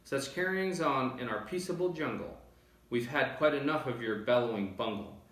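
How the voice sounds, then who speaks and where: A man's voice: mid-range voice, lively intonation, moderate pace, a bit bright, reverberant, natural voice. Man reading as a bossy, snappish storybook kangaroo. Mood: scornful, threatening. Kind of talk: storybook read-aloud.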